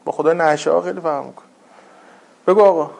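Lively preaching man, slightly high voice. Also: creaky. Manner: conversational, acts out quoted voices with rising intensity. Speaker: religious speaker. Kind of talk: colloquial religious talk.

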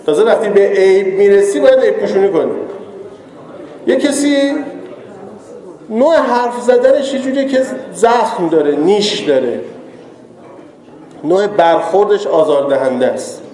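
A man's voice: high-pitched, lively intonation, pauses often, dark tone. A man giving an informal sermon to a gathered audience, talking conversationally and teasing his listeners, turning emphatic when he drives a point home. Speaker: preacher. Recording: echoey hall with long reverb.

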